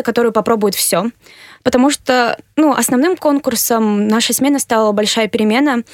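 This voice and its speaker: An eighteen-year-old woman from Kyrgyzstan answering interview questions earnestly, pausing with fillers as she thinks. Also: fairly high pitch, no room sound, studio quality. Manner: earnest, measured, with hesitant fillers. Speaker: interviewee, university applicant.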